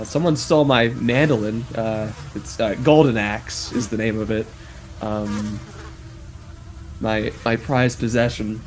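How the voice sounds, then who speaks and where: A man acts out a putrid undead musician in a tabletop game. The corpse is apologetic and laid-back, halting often as it talks at a middling pitch. There is clear noise behind the voice. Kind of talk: in-character tabletop role-play. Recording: clear background room noise.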